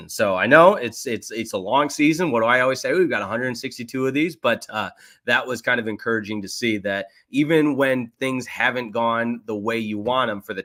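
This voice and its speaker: A young man runs a solo sports podcast, recapping a weekend of games. His voice is bright and forward. He keeps things animated and pokes fun at himself between quick asides. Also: medium pitch.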